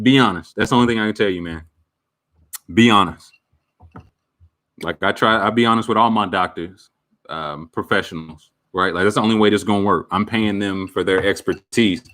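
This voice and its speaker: Answering questions from his viewers, a roughly thirty-year-old male streamer talks in a voice that sits on the low side yet sounds fairly bright. The conversation is loose and honest, reflective in tone and full of slang and verbal fillers.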